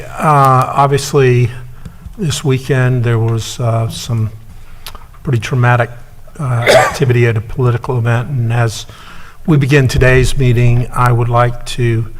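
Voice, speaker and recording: In a mid-range voice, the mayor runs a city council session, offering formal comments at a measured pace, with hesitations and fillers along the way.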